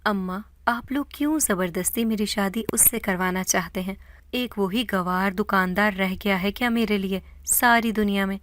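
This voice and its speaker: A woman's voice: medium pitch, fairly bright tone, no room sound, lightly acted. A woman voicing a defiant, emotional young woman who argues tearfully.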